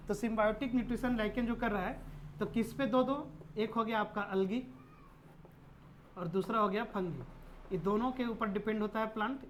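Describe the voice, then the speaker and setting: A woman's voice: medium pitch, darkish tone, slight background noise. Woman teaching chemistry with rhetorical questions. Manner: asks rhetorical questions and answers them herself; mixes English technical terms into explanations. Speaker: science teacher. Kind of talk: classroom-style chemistry lesson.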